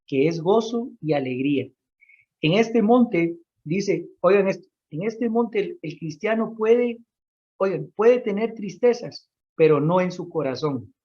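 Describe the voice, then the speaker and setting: A man preaches in a high voice. He repeats each point and keeps calling out to his listeners. The recording sounds dull and lo-fi. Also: dark tone. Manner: repeats phrases, calls out to listeners. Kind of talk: sermon.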